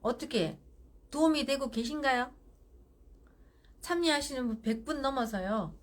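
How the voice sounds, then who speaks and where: A middle-aged woman giving parenting advice on a live stream, firm and animated, acting out what mother and child say. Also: high-pitched, normal speed. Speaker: parenting counselor.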